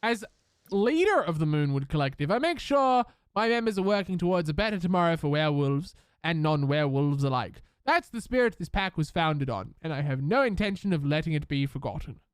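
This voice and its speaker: A man's voice: on the high side, sing-song, a little fast, smooth, dry recording. Man doing a posh British werewolf pack chief, stately and formal, game let's-play voice, dry close sound. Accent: posh British put-on. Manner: formal, dignified speech.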